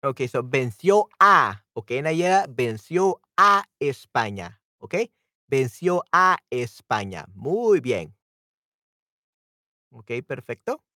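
Lively, unhurried man teaching Spanish. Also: mid-range voice, no room sound, studio quality. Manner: upbeat, reacts to viewers' comments by name; explains in Spanish, then repeats in English. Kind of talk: live online grammar lesson.

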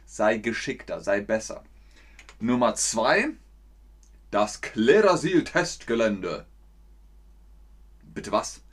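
A man from northern Germany with a northern German accent, teaching a playful livestreamed language lesson and acting out insults in sudden loud bursts. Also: on the low side, sing-song, slow pace, pauses often.

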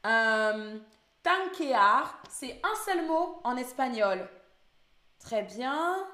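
Slow, patient French teacher woman. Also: on the high side, lively intonation, pushed and bright, echoey room. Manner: slow, patient, repeats words for learners. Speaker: French teacher hosting a live stream. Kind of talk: live online language lesson.

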